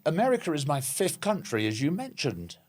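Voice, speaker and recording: A man's voice: on the high side, very animated, a little fast, a little mellow. Jokey English man, interview guest. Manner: hesitant, jokey, repeats himself. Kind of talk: conversational interview.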